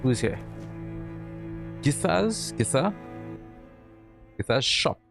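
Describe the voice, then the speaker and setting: A man's voice: medium pitch, sing-song, slow, gravelly. Indecisive man gamer with music behind him. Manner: mumbled thinking aloud, indecisive. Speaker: gamer playing through a video game. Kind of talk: casual gameplay commentary. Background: video game music.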